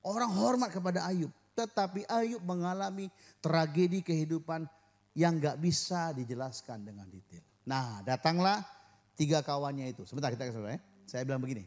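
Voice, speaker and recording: Animated male pastor preaching. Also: fairly high pitch, normal speed. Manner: animated, joking with congregation, acting out quoted voices. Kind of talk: sermon. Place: church.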